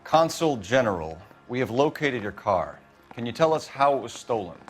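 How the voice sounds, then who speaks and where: Tough cop detective, american, blunt n threatening, pitch moves a lot, crime game. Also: male voice, very animated, normal speed, slightly rough, faint music behind. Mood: businesslike, curt. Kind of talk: video game crime drama acting.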